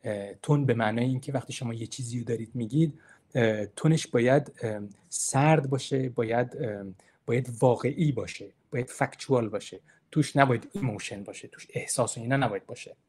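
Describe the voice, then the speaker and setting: A male university lecturer with a slightly husky, breathy voice at a mid pitch. He sounds relaxed and conversational, and reassures his listeners with rhetorical questions. He restates key terms to make them clear. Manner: explains terms and repeats points to stress them. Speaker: university lecturer giving a presentation. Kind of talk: informal online lecture.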